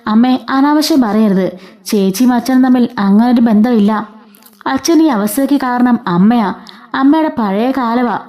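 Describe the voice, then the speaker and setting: A woman's voice: on the high side, measured pace, dark tone, natural voice. A woman voicing a distressed young daughter who pleads for her ailing father. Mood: pleading. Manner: pleading, upset.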